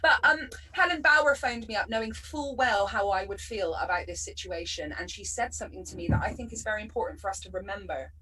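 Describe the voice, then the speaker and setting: This West Country stand-up comedian from Bristol, England, talks a little fast with few pauses, her mid-range voice bright and forceful. Her video-call set is chatty and sarcastic, punctuated by bursts of laughter. It's recorded from a distance, with a little hiss or hum and low quality overall.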